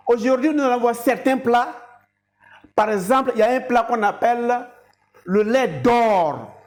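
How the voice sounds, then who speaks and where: A woman's voice: fairly high pitch, measured pace, a little mellow. A woman giving an instructive health talk and demonstration, addressing viewers directly as an educator.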